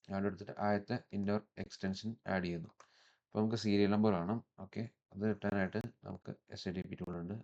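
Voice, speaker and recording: This step-by-step software tutorial comes from a man with a Malayali accent who teaches in an instructional way and sprinkles in English technical terms. His voice is lowish, and the audio sounds dull.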